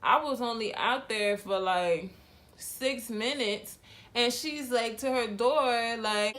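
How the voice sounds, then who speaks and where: A young adult woman hairstylist tells a client story in a casual, slangy, animated way. Her voice sits a bit high. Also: slow, slight background noise. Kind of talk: storytime vlog.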